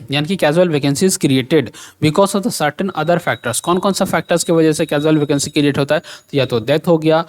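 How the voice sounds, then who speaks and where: Man teaching law in a mixed-language lecture. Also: on the high side. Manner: reads the text out slowly, then explains it in Hindi mixed with English; asks rhetorical checks like "thik hai?". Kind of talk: exam-prep law lecture.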